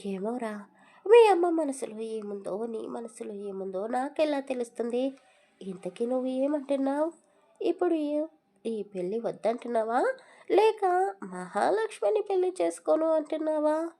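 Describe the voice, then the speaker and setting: A woman voicing a stern older father in a storybook, speaking in a measured, questioning way. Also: sits high, lively intonation, warm tone, pitched above the performer's own voice.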